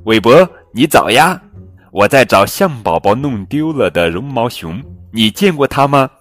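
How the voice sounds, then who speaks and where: A man's voice: medium pitch, big pitch swings, measured pace, fairly bright tone, faint music behind, pitched above the performer's own voice. A man voicing a cheerful, kind elephant in a children's storybook, calling out eagerly.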